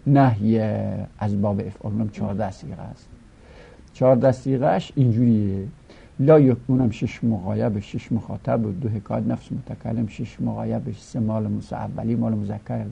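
A man's voice: mid-range voice, creaky, husky. A man teaching a grammar lesson, reciting verb forms in a rhythmic, chanting way. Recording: dull lo-fi recording.

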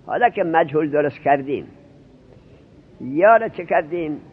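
A man's voice: a little high, expressive, slightly rough. Man drilling grammar over a tinny line. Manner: questioning, drilling students. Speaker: seminary teacher. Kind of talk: Arabic grammar lesson in Persian. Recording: tinny lo-fi narrowband recording.

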